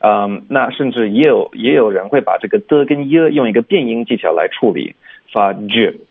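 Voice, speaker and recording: A man working as an English teacher on a radio lesson, explaining pronunciation in a relaxed way and dropping English words into his speech. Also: mid-range voice, normal speed, husky, phone-quality sound.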